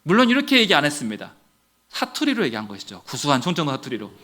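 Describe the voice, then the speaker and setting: Animated, high-voiced male pastor preaching. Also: fast. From Daejeon, Korea. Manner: animated storytelling, addressing the congregation. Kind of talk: sermon.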